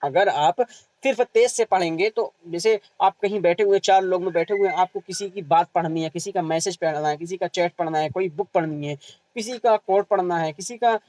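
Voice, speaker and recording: Man, Indian Urdu accent, high voice, dry close sound, exam-prep lecture, quizzes the class then answers. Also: a little mellow, no room sound, poor audio. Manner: asks the class questions and answers them himself; repeats key terms, tag question "hai na". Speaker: teacher.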